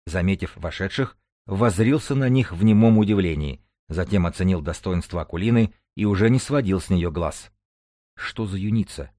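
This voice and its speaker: A man narrating an audiobook in a measured storytelling manner. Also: deep voice, dark tone, no room sound, studio quality. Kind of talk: scripted narration.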